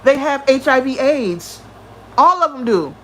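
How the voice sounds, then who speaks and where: High-voiced woman ranting on a livestream. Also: a little slow, a little hiss or hum, rough recording. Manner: profane, animated, greets chat viewers. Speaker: livestream host.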